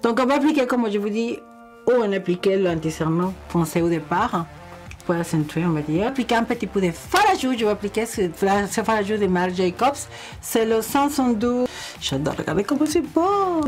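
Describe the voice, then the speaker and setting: A young woman with a non-native French accent talks viewers through a makeup tutorial in a relaxed, chatty way. She addresses them fondly and breaks into gushing exclamations. Faint music plays underneath her voice. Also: medium pitch, brisk. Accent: non-native speaker of French. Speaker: beauty vlogger.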